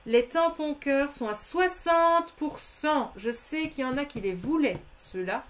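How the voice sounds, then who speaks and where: A woman's voice: sits high, animated, measured pace. A woman presenting craft products in a live stream, methodically listing discounts and prices and speaking familiarly to her viewers.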